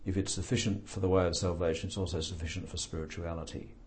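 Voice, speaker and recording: Older guy being interviewed, really deep low voice, dry jokes, lots of uhs and ums. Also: flat delivery, quick pace, darkish tone, slight background noise. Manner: thoughtful, dry humor, many fillers. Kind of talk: reflective interview talk.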